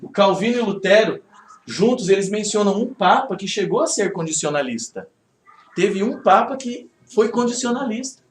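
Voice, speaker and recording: In an echoey room with faint background noise, a male pastor with a high voice teaches a live Bible study group at a moderate pace. He keeps things conversational and animated, using rhetorical check-ins.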